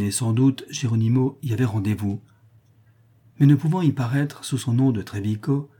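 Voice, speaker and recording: A male narrator reads a literary novel in a measured, even way. His voice is dark and mellow, with a husky grain. The pitch sits in the middle of the male range. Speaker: audiobook narrator.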